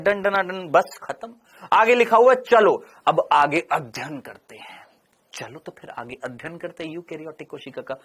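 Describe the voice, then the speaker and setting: A middle-aged male teacher giving a biology lecture, asking questions and answering them himself, and drawing out key words slowly. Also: high-pitched, a bit bright. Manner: stretches out key terms slowly.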